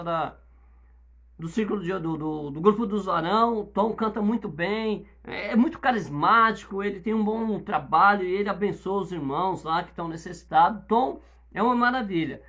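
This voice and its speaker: A man's voice: high voice, fairly bright tone. A middle-aged Brazilian man preaching a sermon as a pastor, speaking conversationally and then rising into emphatic outbursts.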